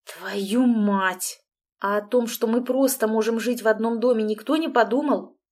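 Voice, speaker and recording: A woman's voice: on the high side, a little slow, darkish tone. A woman reading an audiobook, voicing a reserved grown man who answers curtly and defensively. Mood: exasperated. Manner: curt, defensive. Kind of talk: audiobook dialogue.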